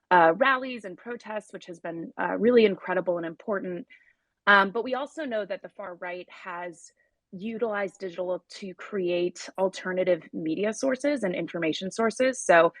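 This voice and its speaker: A woman speaking thoughtfully on an online panel, pausing with fillers as she lays out her points. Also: medium pitch, fairly bright tone, no room sound. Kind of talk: panel discussion. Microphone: audio-only online talk.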